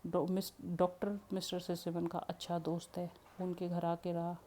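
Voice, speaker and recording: Woman, storybook narration, expressive, low voice, warm mellow tone. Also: moderate pace, a little hiss or hum. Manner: expressive, mixing English words in.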